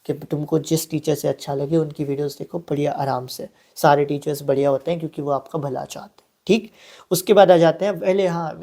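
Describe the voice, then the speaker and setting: A man's voice: on the high side, gravelly, mellow. A young man teaching an online exam-prep class in a casual, chatty way, often mixing in English terms and stopping for friendly asides.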